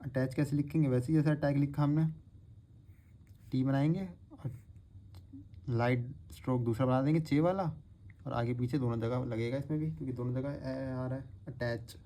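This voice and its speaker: Male teacher, step-by-step lesson, stretches words to show sounds, mid pitch. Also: steady tone, normal speed, mellow. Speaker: shorthand teacher.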